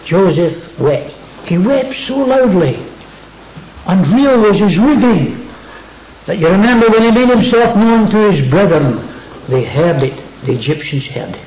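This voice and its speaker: A man's voice: high-pitched, sing-song, a little slow, a little mellow, echoey room, lo-fi sound, slight background noise. A man preaching a sermon, dwelling on key words and repeating them for emphasis.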